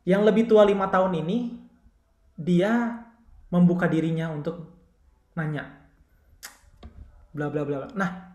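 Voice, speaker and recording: A man's voice: a little high, darkish tone. A young man with a Bandung Indonesian accent leads a casual church discipleship class, chatting with listeners and acting out bits of dialogue. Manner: conversational, acts out quoted dialogue, asks listeners questions. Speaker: youth ministry leader teaching a discipleship class. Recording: roomy echo.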